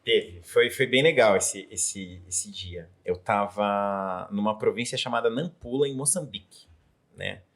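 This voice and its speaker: A young Brazilian man who teaches Portuguese appears as a guest in a casual interview, talking with animated enthusiasm. His voice is fairly low and a little slow, and at times he drifts into soft, reflective storytelling.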